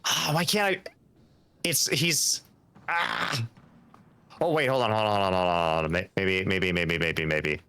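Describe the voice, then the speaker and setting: A man in casual gameplay chat, excitable and given to repeating his phrases, with faint game noise behind him. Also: fairly low pitch, unhurried, pauses often, smooth. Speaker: video game streamer.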